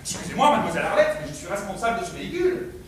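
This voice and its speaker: A man's voice: sits high, very animated, racing, a crowd in the background. An actor playing a stiffly polite male chauffeur who keeps to his servant role, formal and deferential, always saying "madame". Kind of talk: stage comedy acting. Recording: echoey stage heard from far off, faint noise.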